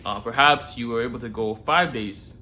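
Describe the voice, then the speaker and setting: A man's voice: medium pitch, moderate pace, bright, forceful tone, a little hiss or hum. A man hosting a self-improvement series, talking straight to the viewer in a casual, slangy, informal way. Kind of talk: casual direct-to-viewer advice talk.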